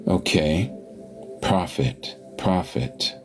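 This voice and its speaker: Guy w a lowish voice reading scripture live, stops to look stuff up, soft music under it. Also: extremely slow. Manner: reflective, thinks aloud, stops to check and look up words. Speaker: online scripture study host.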